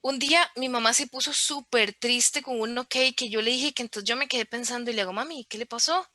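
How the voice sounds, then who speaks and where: Bright-voiced woman explaining accessibility. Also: fairly high pitch, steady tone, fairly quick, no room sound, studio quality. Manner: clear, didactic, explains with examples. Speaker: podcast guest on accessibility. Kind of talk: explanatory interview talk.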